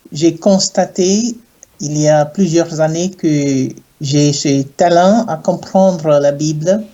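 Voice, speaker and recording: A middle-aged man from Ghana, an English speaker, answering interview questions in a slow, hesitant way with many pauses and fillers. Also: fairly high pitch, warm tone, highs cut off. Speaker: guest, clergyman and university French teacher.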